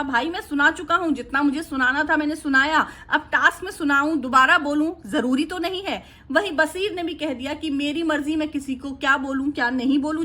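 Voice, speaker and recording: Woman recapping reality tv drama, high bright voice, opinionated. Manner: opinionated, retells house events with asides. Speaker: reality show commentator. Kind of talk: casual spoken commentary.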